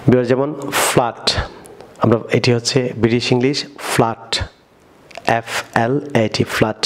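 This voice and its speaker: A man from Bangladesh teaching an online English vocabulary lesson, often addressing viewers and repeating words for them to drill. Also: medium pitch.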